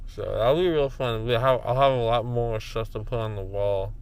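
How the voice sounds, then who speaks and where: A man's voice: mid-range voice, moderate pace, clear, resonant tone. A man chatting casually to his vlog audience, groggy after dental surgery, his words muffled by a numb, packed mouth. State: groggy after wisdom teeth removal. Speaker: card-collecting video host.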